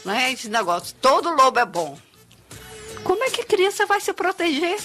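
A woman who tells stories and writes children's books, talking expressively in a relaxed interview, often ending phrases with a tag question. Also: high-pitched, normal speed, soft background music. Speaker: storyteller and children's author, guest. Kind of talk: conversational interview.

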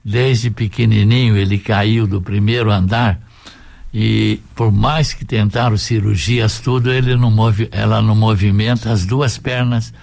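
An older man from hosting a radio talk show, calling the time and the breaks and telling family stories in a gruff way. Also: on the low side, steady tone, measured pace, a little mellow.

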